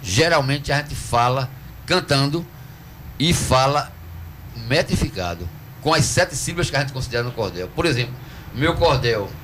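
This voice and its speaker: A man with a Northeastern Brazilian accent speaks in a mid-pitched voice as a guest in a radio studio. He explains patiently and like a teacher, drawing out words to mark rhythm and syllables. A faint hiss sits under the recording. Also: expressive, a bit bright. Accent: Northeastern Brazilian Portuguese. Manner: earnest, teacherly, slows to stress syllables. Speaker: cordel poet, interview guest. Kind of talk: radio interview, explaining at length.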